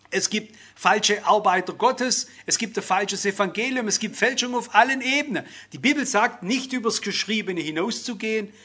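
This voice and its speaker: High, bright, husky-voiced man preaching. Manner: earnest, addresses listeners directly with rhetorical questions. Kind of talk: sermon.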